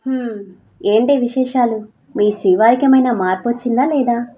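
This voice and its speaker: Brief: a woman doing a frank, protective best friend in an audio story, mellow tone, slightly lo-fi audio. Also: a little high, normal speed, lightly acted. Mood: concerned. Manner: blunt, concerned.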